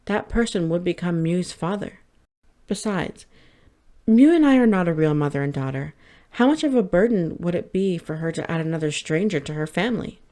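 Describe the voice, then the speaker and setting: A woman with a lowish voice narrates a light novel audiobook in first person. She reads steadily and gives the dialogue some acting. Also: dark tone.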